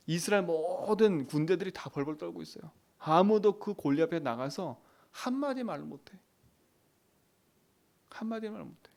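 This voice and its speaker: A man preaching a dawn prayer sermon as pastor, asking the congregation questions, swinging from loud emphatic lines to quiet asides. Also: high-pitched, creaky.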